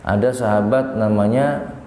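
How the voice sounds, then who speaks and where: A man's voice: a little slow, darkish tone. Male preacher, dramatic sermon storytelling with voiced quotes, recorded in a reverberant hall. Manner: dramatic, acts out quoted lines with rising pitch. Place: large hall at a religious gathering. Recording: echoey hall with long reverb.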